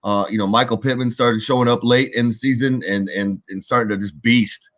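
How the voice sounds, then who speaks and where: A man co-hosting a sports podcast, giving casual, halting football analysis and repeating words as he thinks. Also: mid-range voice, fairly even intonation, a bit bright.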